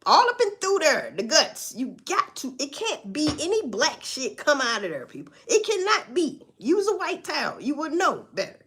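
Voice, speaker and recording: A woman's voice: high-pitched, wildly swooping pitch, normal speed, few pauses, a bit bright. A woman giving casual, profane and sarcastic commentary, rambling along with sighs and laughs. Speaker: vlogger commenting on news.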